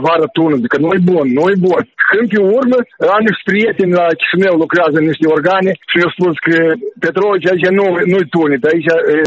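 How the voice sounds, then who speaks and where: Halting high-voiced Moldovan man. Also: low-quality recording. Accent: Moldovan Romanian. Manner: halting and rambling, with many hesitations and restarts. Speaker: town mayor. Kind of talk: radio interview answers.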